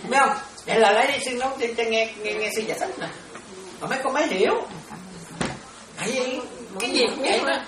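Her voice sits on the high side and moves at a quick pace while the nun gives an informal, chatty dharma talk, frequently laughing and calling her listeners her children. The recording is roomy and distant, with a crowd around and background noise.

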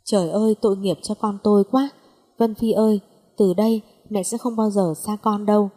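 A woman's voice: mid-range voice, fairly even intonation, moderate pace, warm tone, lightly acted. A woman voicing a grieving middle-aged mother who speaks through tears, with long reverb. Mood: tearful. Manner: pleading, sobbing speech.

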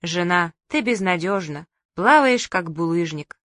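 A woman's voice: fairly low pitch, expressive, unhurried, a bit bright, no echo, studio quality. A woman voicing a jolly, teasing middle-aged father in an audiobook story. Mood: joking. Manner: bantering, teasing.

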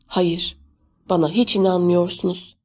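A woman's voice: fairly low pitch, little pitch movement, measured pace, a little mellow, breathy edge. A woman voicing a teenage boy who defends his friends with urgent, defensive pleading in an audiobook reading. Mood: defiant.

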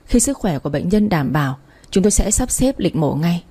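A calm hospital doctor laying out facts plainly and formally, as a woman reads him out. The voice is low and husky, with a warm, mellow color. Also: fairly quick. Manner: formal, matter-of-fact.

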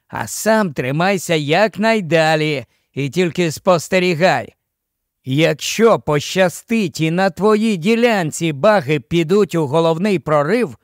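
Calm fatherly army captain, man reading it for an audiobook, steady and patient, voice kinda high, dry close sound. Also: no echo. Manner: steady, patient, gently scolding.

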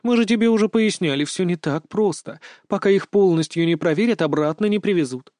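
A man voicing a calm, doting grandmother in an audiobook, soothing and gently lecturing. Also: high-pitched, fairly quick, no echo, clean studio sound, voice pushed up, close to an everyday voice. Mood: explaining. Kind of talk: audiobook character voice.

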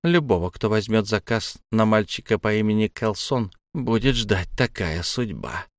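A man voicing a ruthless young female assassin who speaks in a cool, menacing, measured way. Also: lowish voice, expressive, no room sound, clean studio sound. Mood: cold menacing.

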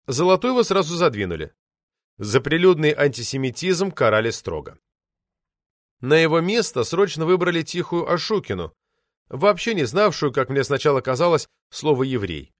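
A male audiobook narrator reading in the first person with dry irony. His pitch rises and falls widely, and the close mic leaves the sound dry. He savours each wry turn of phrase. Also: normal speed, dry recording. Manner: ironic, expressive storytelling.

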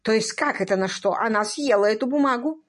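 A woman voicing a flustered, absent-minded elderly male earl who shouts and fusses excitedly. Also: a little high, brisk, close to an everyday voice. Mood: fretful.

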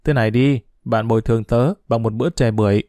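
Man voicing a schoolgirl, playful, bossy, mock-stern, teasing, middle pitch, dry sound. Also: fairly even intonation, fast talker, warm tone, no echo, lightly acted.

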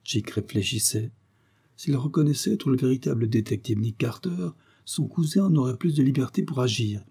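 A man narrating a classic detective novel in a steady, measured audiobook reading. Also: mid-range voice, vocal fry, breathy edge.

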